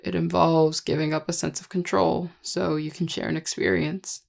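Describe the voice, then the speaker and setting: A performer voicing a charming, affectionate vampire lover in an intimate audio role-play, teasing and tender in a relaxed, gravelly voice. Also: medium pitch, normal speed. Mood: tender, reflective. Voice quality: gravelly, heavy vocal fry. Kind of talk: intimate audio role-play, one-sided dialogue to listener.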